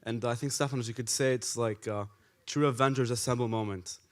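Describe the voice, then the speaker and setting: Smooth-voiced young panelist. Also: male voice, medium pitch, fairly even intonation, brisk. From Canada. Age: young adult. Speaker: panelist, student. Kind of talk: panel discussion.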